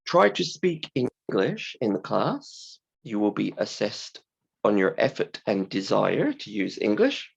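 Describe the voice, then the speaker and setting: A man teaching a class in simple, deliberate, emphatic phrases, his voice hoarse, croaky and creaky from a sore throat. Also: on the low side, big pitch swings, muffled recording. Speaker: university English teacher. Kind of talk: scripted-slide lesson explanation.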